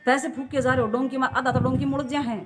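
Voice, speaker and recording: A woman's voice: high voice, flat delivery, fast, over loud music, low-quality recording. A woman vlogger, scolding her viewers in an impassioned rant full of rhetorical questions. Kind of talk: impassioned talking-to-camera rant. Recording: loud background noise.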